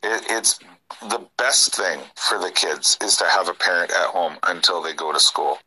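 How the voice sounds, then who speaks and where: Bright, forceful low-voiced man. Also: normal speed, low-quality recording. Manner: opinionated, earnest, sighs between points. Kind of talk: casual political chat.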